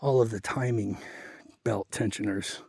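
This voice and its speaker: Walking around his homestead, a homesteading vlogger from Kentucky in his 40s delivers a casual, rambling, folksy and blunt vlog monologue, slightly winded. He speaks low, steady and unhurried, with a darkish, breathy tone on a dry recording.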